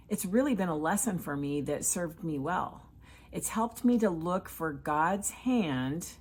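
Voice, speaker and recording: Woman, reflective faith talk, lowish husky voice, earnest and measured. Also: darkish tone. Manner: earnest, measured, with thoughtful pauses and fillers. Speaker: author sharing a Sunday reflection.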